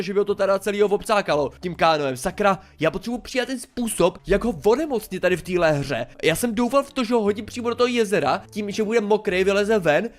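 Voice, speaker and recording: A young man chatting excitedly through a game as a YouTuber, exclaiming and mildly swearing as he plays. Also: high voice. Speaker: gaming YouTuber. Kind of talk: casual game commentary.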